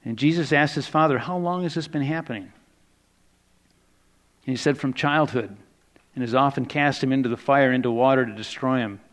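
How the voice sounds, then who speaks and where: A man preaching a sermon in a conversational, reflective way, dropping softer for quoted words. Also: mid-range voice, normal speed, long pauses.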